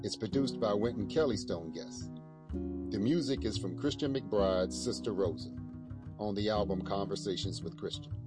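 A man hosting and narrating a scripted story in a measured storytelling manner. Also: lowish voice, loud music behind the voice. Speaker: host and narrator.

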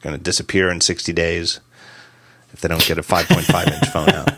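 A man hosting a casual tech podcast, animated and quick to laugh as he spins out hypotheticals. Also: deep voice, dry recording. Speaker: podcast host.

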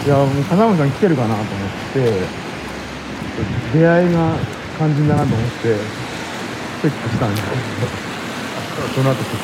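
Lively man chatting while running outdoors. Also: mid-range voice, a little fast, pauses often. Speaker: runner recording his run. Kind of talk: casual chat. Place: outdoors on a road. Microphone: portable recorder with windscreen, carried while running. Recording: outdoor recording with clear movement and traffic noise.

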